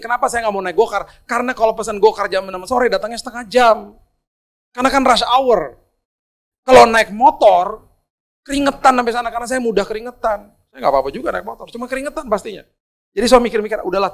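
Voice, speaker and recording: A male pastor telling a humorous anecdote in a sermon, in an animated way. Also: very high-pitched. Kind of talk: sermon storytelling.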